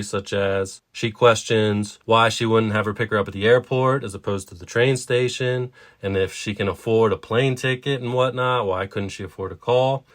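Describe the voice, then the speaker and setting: A podcast co-host with a fairly low male voice talks about writing in a conversational, reflective way, explaining his thoughts.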